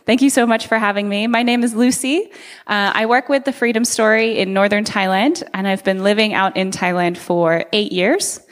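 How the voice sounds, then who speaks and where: An earnest woman from the States in her thirties speaks to a church crowd, friendly and open, stopping often on soft uhs. Her voice carries through a big hall with a long reverb tail. The pitch sits mid-range for a woman. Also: fairly even intonation, moderate pace. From United States. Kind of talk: presentation to a church congregation.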